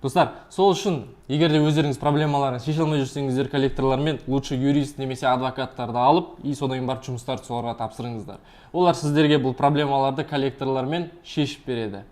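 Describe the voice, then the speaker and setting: A man from Kazakhstan talks quickly in a medium-pitched voice. He sounds like a lawyer giving practical advice, polite and matter-of-fact. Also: fairly even intonation, a little mellow. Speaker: lawyer and host of an advice video. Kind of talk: explanatory talk and calm negotiation.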